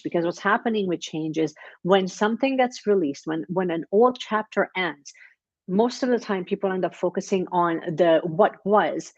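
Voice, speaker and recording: A woman's voice: lowish voice, darkish tone, dry recording, lo-fi sound. A woman giving a casual weekly tarot reading, chatty and encouraging, with plenty of fillers and restarts. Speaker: tarot reader.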